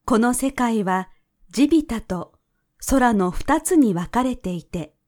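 Slow, gentle woman storyteller. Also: a little high, expressive. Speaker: narrator. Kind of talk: storybook narration.

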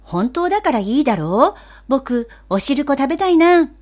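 A woman voicing a small, excitable boy in a storybook reading, talking loudly and bluntly. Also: sits high, moderate pace, voice pushed up. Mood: eager. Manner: loud, eager, boyish.

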